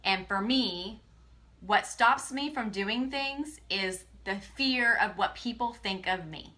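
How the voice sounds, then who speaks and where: A woman speaks straight to her followers in a live phone video, earnest and emotional, often near tears. Her voice is bright and forceful, in a middle range for a woman. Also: mid-range voice, takes it slowly. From Texas. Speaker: direct sales presenter. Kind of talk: tearful motivational live video.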